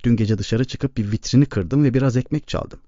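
A man reading the lines of a starving young boy who speaks in a cracked, flat monotone. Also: mid-range voice, a little fast, no echo, lightly acted. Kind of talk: audiobook reading. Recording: dull lo-fi recording.

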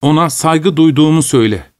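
A man doing a tipsy, sulky manservant, pitched up above the narration and pushing his words out loudly, each line dry and close. He repeats himself with dull insolence. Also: a little fast, no room sound, lightly acted. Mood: rambling. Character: drunk insolent male servant, stubborn and sulky.

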